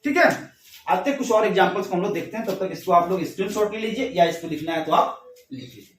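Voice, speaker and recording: High-voiced male teacher in an echoey room. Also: far from the mic, background noise. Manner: explains slowly, reads English examples then repeats them in Hindi. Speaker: English teacher. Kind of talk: classroom grammar lesson.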